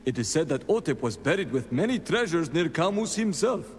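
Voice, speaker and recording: A man's voice: on the high side, very animated, a little fast, slightly rough. A man voicing a learned, cautious male mouse guide in a cartoon. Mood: explaining. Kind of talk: cartoon voice acting.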